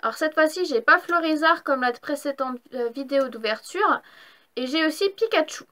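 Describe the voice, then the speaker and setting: A woman's voice: high voice, normal speed, pushed and bright. A young woman chatting casually as she opens trading card packs, enthusiastic and gushing over each card. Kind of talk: casual unboxing vlog.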